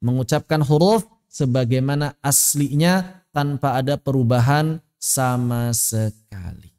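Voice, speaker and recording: A man teaching Quran recitation in an online lesson, explaining slowly and chanting drawn-out example words. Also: mid-range voice, darkish tone, big-room sound.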